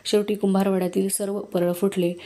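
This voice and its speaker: A woman reading a storybook aloud in steady, measured narration. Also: mid-range voice. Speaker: book reader.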